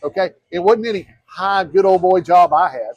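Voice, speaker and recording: This man in his 50s, a candidate for mayor, has a high voice and a moderate pace. He's earnest and rambling in a casual interview, restarting frequently and quoting asides along the way. It's a dry, dull-sounding recording.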